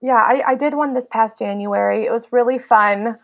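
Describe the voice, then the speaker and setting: Upbeat high-voiced woman podcast host. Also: moderate pace, creaky. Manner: upbeat, conversational. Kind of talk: casual podcast chat.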